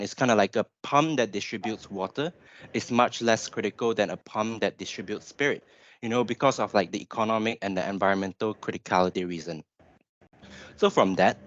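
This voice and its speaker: The lo-fi recording captures a man with a voice on the low side: a graduate engineer in his twenties with a Malaysian accent, informally explaining material in a webinar presentation.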